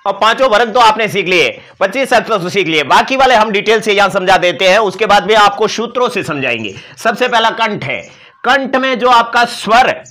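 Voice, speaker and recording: A man's voice: high voice, lively intonation, moderate pace, bright, forceful tone. A male teacher giving an exam-prep lecture, explaining and demonstrating sounds with playful asides to his students. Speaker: Sanskrit teacher.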